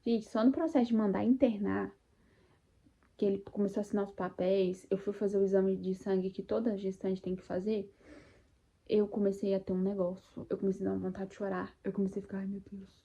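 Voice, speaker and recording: A young Brazilian woman casually and emotionally telling her own birth story to viewers, speaking warmly about her faith and acting out her own cries. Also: mid-range voice, slightly rough, dull audio. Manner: faith-filled, addresses viewers as "gente". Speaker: vlogger sharing birth story.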